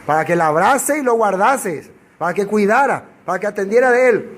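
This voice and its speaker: A man's voice: high voice, lively intonation, normal speed, fairly bright tone. A man teaching a Bible passage verse by verse, who asks rhetorical questions and answers them himself. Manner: acts out quoted dialogue in changed voices.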